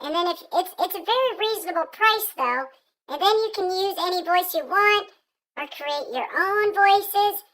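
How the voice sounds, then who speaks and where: A man talking through a voice changer that turns him into a high baby voice, rambling as he answers chat questions. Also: moderate pace, sharp tone, full character voice, low-quality recording. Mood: explaining. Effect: voice changer turning his voice into a high baby voice.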